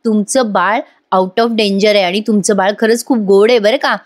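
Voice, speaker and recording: A woman voicing a gentle, calm young heroine from a TV serial. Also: medium pitch, moderate pace, lightly acted. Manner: soothing, resigned.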